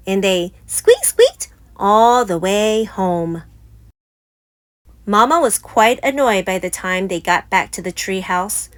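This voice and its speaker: A woman reading a children's picture book aloud slowly and expressively. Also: medium pitch. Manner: slow, lively expressive reading. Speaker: storyteller.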